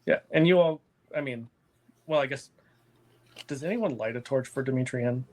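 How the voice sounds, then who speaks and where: A man narrating an improvised tabletop game as game master, descriptive and deliberate. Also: mid-range voice, darkish tone, slight background noise.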